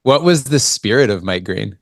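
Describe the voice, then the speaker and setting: A man's voice: fairly low pitch, expressive, moderate pace, no echo, clean studio sound. A man hosting an interview, asking thoughtful, searching questions with hesitations. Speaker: podcast host.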